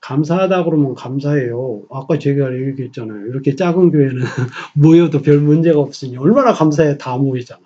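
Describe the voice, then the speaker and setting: A middle-aged man preaching a Sunday sermon in a small church, swinging from loud emphasis to soft near-whispers. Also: medium pitch, a little fast, few pauses, muffled recording. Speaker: pastor.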